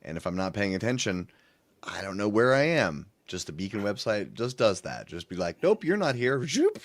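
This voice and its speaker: Podcast host, male, low voice, dry close sound, laid-back and playful. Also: moderate pace, no echo. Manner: relaxed, playful asides. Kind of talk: casual group chat.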